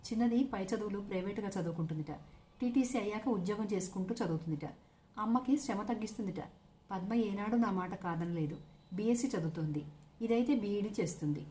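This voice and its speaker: A woman voicing a patient, weary middle-aged mother who gently chides her brother. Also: medium pitch, a little fast, a little hiss or hum, lightly acted. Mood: lecturing. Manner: calm, gently chiding.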